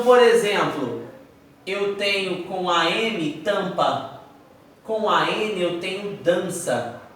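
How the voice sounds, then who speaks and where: A man teaches a phonetics lesson at an unhurried pace, counting out letters and sounds aloud. His voice is high and bright. He stands a little off the mic in a strongly echoing room. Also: recorded from a distance. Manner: spells out words slowly, counting letters aloud; asks himself students' questions. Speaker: Portuguese teacher. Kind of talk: video lesson explaining phonetics.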